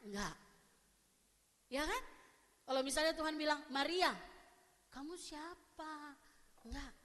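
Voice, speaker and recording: High-voiced woman pastor preaching in a reverberant hall. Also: fairly bright tone. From eastern Indonesia. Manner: conversational, asks the congregation questions and acts out callers. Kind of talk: sermon. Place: church sanctuary. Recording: long church hall reverb.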